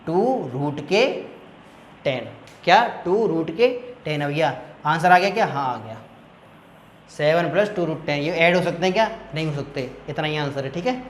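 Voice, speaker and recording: A man's voice: a little high, lively intonation, normal speed, roomy sound, a little hiss or hum. A man tutoring maths, walking students through each step and checking often that they follow. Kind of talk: classroom maths lesson.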